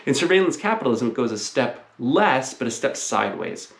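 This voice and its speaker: A man's voice: mid-range voice, big pitch swings, fairly quick, gravelly. Male teacher talking to class, echoey room. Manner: teacher explaining to class, conversational. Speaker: college lecturer addressing class. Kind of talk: informal lecture to students. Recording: roomy, echoing sound.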